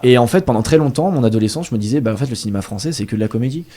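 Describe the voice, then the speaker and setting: A man's voice: mid-range voice, racing, a crowd in the background. Chatty young French man in his twenties. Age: 20s. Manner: chatty, animated storytelling with fillers. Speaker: guest actor. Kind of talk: casual interview chat.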